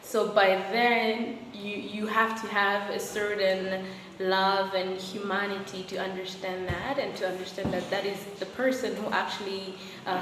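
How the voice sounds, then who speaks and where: A young woman from Rwanda, a guest in an interview, answering thoughtfully with many fillers and restarts. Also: mid-range voice. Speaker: guest, coffee quality controller and roaster. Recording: echoey room with loud background noise.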